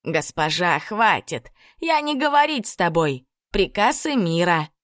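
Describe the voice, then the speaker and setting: Brief: worried female servant in an audiobook, read by a woman, halting speech, lowish voice. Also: sing-song, fairly bright tone, no echo, clean studio sound. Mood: urgent. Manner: pleading, broken grammar.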